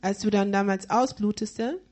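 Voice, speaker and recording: Female live interpreter at a church service, hesitant, restarts often, mid-pitched voice. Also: steady tone, moderate pace, a little mellow. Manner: hesitant, many fillers and restarts while searching for words.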